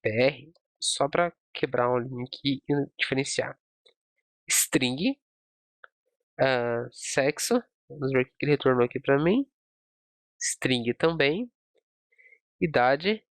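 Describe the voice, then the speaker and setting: A man's voice: medium pitch, takes it slowly, long pauses, no room sound. A man teaching programming in a screen-recorded tutorial, talking through code step by step and checking in with his listeners.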